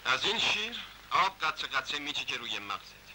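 A man's voice: fairly high pitch, very animated, pushed and bright, exaggerated voice, poor audio. An actor playing a menacing male gang leader who gloats and threatens in a dubbed 1960s film. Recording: hissy old film soundtrack.

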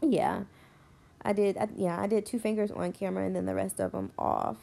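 A young woman with a mid-range, creaky yet mellow voice narrates a nail tutorial briskly and with fairly even intonation. Her delivery is rambling and chatty, packed with fillers and asides, like a casual voice-over. She sounds stuffy and congested, as though she has a cold, and sits close to the mic.

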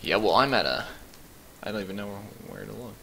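A man's voice: on the low side, animated, quick pace, fairly bright tone. A man playing a game with friends, joking and teasing them in casual banter. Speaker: player. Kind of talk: casual gaming chat. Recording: clear background hiss.

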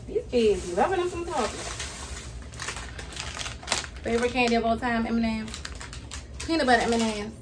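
In her indoor kitchen, a young woman who is both a mother and a vlogger unpacks bags and chats about her grocery haul, addressing viewers as "y'all" and looking hot and sweaty. She talks at a moderate pace with long pauses, in a slightly high voice. A counter-mounted camera records her from a distance amid room noise.

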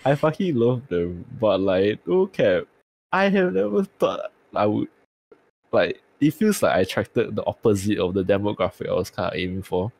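Tired, gravelly low-voiced man. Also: lively intonation, normal speed, darkish tone, a little hiss or hum. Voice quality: tired-sounding voice. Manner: rambling, swears freely. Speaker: streamer and podcast co-host. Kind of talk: casual podcast chat.

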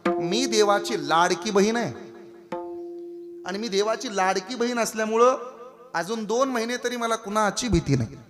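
A man's voice: high-pitched, normal speed, pauses often, music in the background. A male kirtan preacher with a Marathi accent, joking with the crowd, coaxing them to answer back, and breaking into devotional song. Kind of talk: devotional kirtan sermon with singing.

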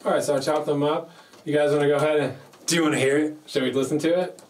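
A man's voice: a little high, steady tone, fast. Playful man, distant mic. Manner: playful, chatty, jokes at himself. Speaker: music producer. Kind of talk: casual studio vlog. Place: home recording studio with mixing desk. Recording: distant mic, faint background noise.

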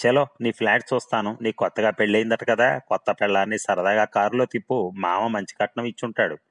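A brash, boastful boss who scoffs at everything around him and keeps peppering his talk with English. He is loud and pushy, a little higher than a plain speaking voice, as a man storyteller puts him on. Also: fairly even intonation, brisk, close to an everyday voice.

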